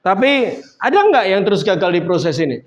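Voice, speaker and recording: A man's voice: high-pitched, sing-song, a little fast. A man preaching a sermon in a casual, conversational way, building up to emphatic points. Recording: dull lo-fi sound.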